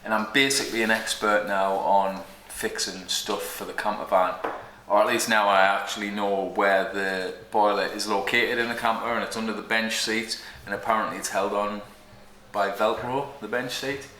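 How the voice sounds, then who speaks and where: A man's voice: on the low side, steady tone, normal speed, pushed and bright, a little hiss or hum. A man with a moderate Sunderland Mackem accent chatting casually as he vlogs DIY work, blunt, colloquial and sweary. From Sunderland, north-east England. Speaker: camper van vlogger. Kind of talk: casual vlog talk, DIY commentary.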